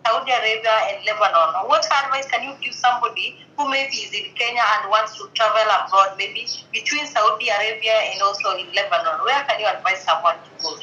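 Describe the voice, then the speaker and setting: A woman's voice: medium pitch, a little fast, few pauses, pushed and bright, roomy sound, dull audio. A woman interviewing a guest, asking hesitant questions full of fillers. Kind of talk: casual interview.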